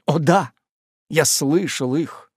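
A man's voice: a little high, slow pace, slightly rough, no room sound, studio quality. A man as a tender, pleading young suitor. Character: sentimental young gentleman, lightly wounded, tender suitor. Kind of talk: audiobook character voice.

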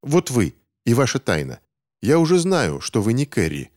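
A man's voice: medium pitch, wildly swooping pitch, normal speed, darkish tone, no room sound, clean studio sound, voice pushed up. A man reading an audiobook, voicing a young boy who is angry and distrustful of adults and speaks in a heated, accusing way. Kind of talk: audiobook character voice.

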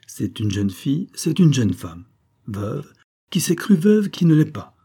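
A man's voice: medium pitch, very animated, measured pace, gravelly, dark tone, breathy edge, pitched above the performer's own voice, full character voice. A man voicing a sly, jovial old notary who teases knowingly, read in an audiobook. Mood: teasing. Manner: teasing, knowing.

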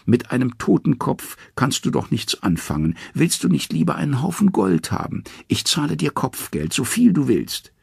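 A man voicing a cunning male trickster god in a storybook reading, high and pleading. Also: wildly swooping pitch, normal speed, creaky, few pauses, a little mellow, slightly rough, no room sound, clean studio sound, heavily acted. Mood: wheedling.

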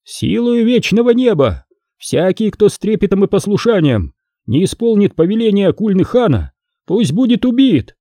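A man's voice: high voice, very animated, normal speed, warm tone, no room sound, studio quality, pitched above the performer's own voice. A man voicing a furious, arrogant Tatar envoy man who blusters and threatens in a storybook reading. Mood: solemn.

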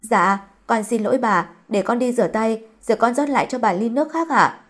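Brief: woman doing a meek young maid, quiet, pleading and apologetic. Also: fairly high pitch, brisk, natural voice. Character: timid young female servant girl, meek and tearful.

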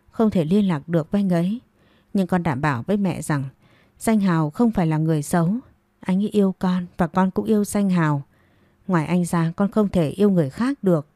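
A woman voicing a frightened young pregnant daughter who pleads softly and slowly with her mother. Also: lowish voice, no room sound, clean studio sound. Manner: soft, slow, tearful pleading.

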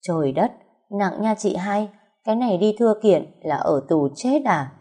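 A woman with a Southern Vietnamese accent voicing a shrewd middle-aged second wife who speaks in a measured, reasoning way. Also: medium pitch, lively intonation, breathy edge. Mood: sharp. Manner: measured, reasoning, a little sharp.

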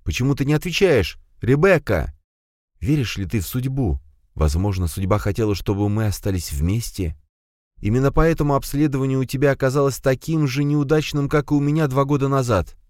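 A man reading a storybook, voicing a confused, tired male mind that speaks hoarsely through a small loudspeaker. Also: medium pitch, animated, fairly quick, no echo, studio quality, pitched above the performer's own voice, lightly acted. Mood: desperate. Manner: confused, pleading, near tears.

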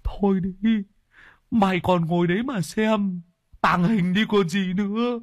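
A man's voice: high voice, fairly even intonation, measured pace, no room sound, studio quality, pitched above the performer's own voice. A man voicing an irritable male ghost who scolds his companion. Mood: irritated. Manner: snapping, scolding.

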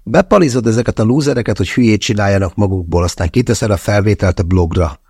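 An angry young woman hisses her accusations, as a male audiobook narrator puts her on. The voice stays low, dark and husky, recorded dry and close. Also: no echo. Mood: accusing. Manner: accusing, hissing. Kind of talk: audiobook character voice.

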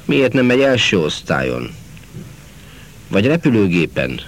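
A man's voice: on the low side, very animated, gravelly, a little hiss or hum, pitched above the performer's own voice. A man doing a jeering bitter soldier. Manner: jeering, sullen. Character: mocking, bitter front-line soldier man.

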